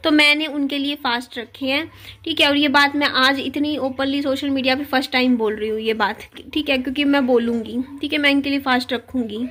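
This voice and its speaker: A woman's voice: high-pitched, fairly even intonation, brisk, fairly bright tone. A woman vlogging a heartfelt personal confession to her viewers, talking earnestly with frequent fillers and restarts, her throat a little sore. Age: adult (widowed). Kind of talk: personal video message to viewers.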